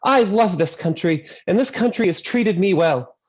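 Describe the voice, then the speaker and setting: A woman's voice: mid-range voice, expressive, normal speed, darkish tone, husky, muffled recording, pitched above the performer's own voice. A man voicing a fiery elderly grandmother with a thick Greek accent, pleading her case with emphatic conviction. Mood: impassioned.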